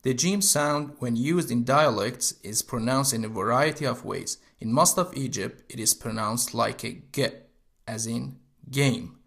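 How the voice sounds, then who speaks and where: Slow, gravelly male Arabic teacher. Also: mid-range voice, fairly bright tone. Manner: slow, step-by-step explaining. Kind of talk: instructional narration.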